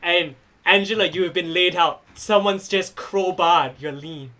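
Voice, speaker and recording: A man serving as game master for a live-streamed tabletop wrestling game, animated and quick to laugh. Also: high voice. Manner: animated, laughing, voices characters.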